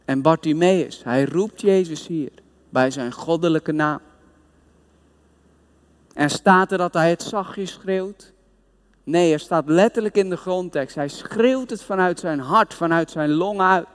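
A man's voice: a little high, a little slow, big-room sound. A man preaching a sermon, retelling a scripture story with emphatic storytelling.

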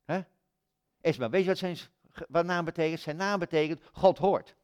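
A man's voice: a little high, moderate pace, a little mellow, smooth. A man preaching a sermon in a church, retelling stories conversationally with rhetorical questions.

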